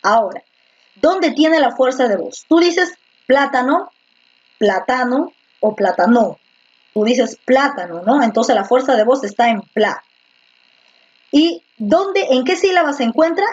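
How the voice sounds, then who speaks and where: This online teacher is a woman whose voice sits high and sounds expressive and darkish, moving at a moderate pace. She patiently repeats words and tests her students. The clip comes through a computer microphone in a video class, and the lo-fi recording is slightly muffled.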